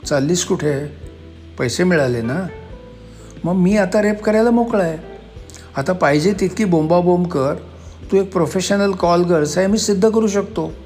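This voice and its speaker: A man's voice: sits high, normal speed, darkish tone, soft background music, lightly acted. A man voicing a flustered middle-aged male manager who talks agitated and insistent. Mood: menacing.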